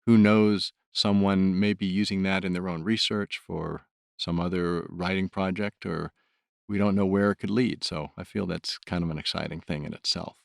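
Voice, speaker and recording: A man's voice: low voice, steady tone, moderate pace, vocal fry, no echo, studio quality. A man who volunteers as an audiobook narrator, talking about his work in a thoughtful, earnest way. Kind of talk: reflective interview talk.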